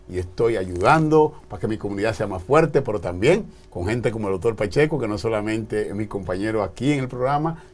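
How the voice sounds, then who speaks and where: A man from the Dominican Republic with a Dominican accent, hosting a TV talk show and growing emphatic as he tells stories. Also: lowish voice. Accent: Dominican Spanish. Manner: expressive, grows emphatic telling stories.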